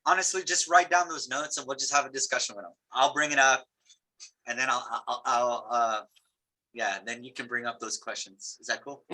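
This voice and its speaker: A man's voice: mid-range voice, fairly even intonation, normal speed, pushed and bright, rough recording. A man leading a meeting on a video call, talking informally and rambling a bit with restarts. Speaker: meeting facilitator. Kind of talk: casual meeting talk.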